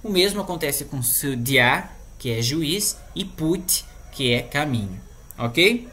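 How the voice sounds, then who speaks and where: A woman's voice: sits low, animated, takes it slowly, fairly bright tone, slight background noise. A woman with a Brazilian Portuguese accent teaching a language lesson in a casual, chatty way, checking in with her students often.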